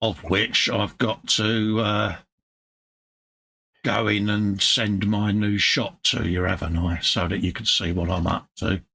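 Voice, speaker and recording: A man's voice: on the low side, level tone, slow pace, creaky, bright, forceful tone, slightly rough, no room sound. A man with a British accent co-hosting a casual model-building live stream from his workbench, bantering, chuckling and calling his friend mate. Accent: British English. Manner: banter-filled, calls people mate, chuckles often. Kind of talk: casual chat. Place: home workbench.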